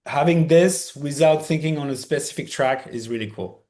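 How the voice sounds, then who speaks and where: A man's voice: a little high, normal speed, warm tone. A man hosting a live feedback session on a video call, talking casually with many fillers and restarts. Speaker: DJ giving track feedback.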